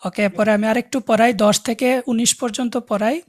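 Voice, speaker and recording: A woman's voice: a little high, steady tone, fairly quick. A woman teaching an online language class over a video call. She spells words out letter by letter and has the students repeat after her.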